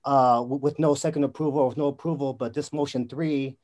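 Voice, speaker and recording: A man giving a public comment at an online council meeting, halting with fillers and restarts. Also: medium pitch, steady tone, darkish tone.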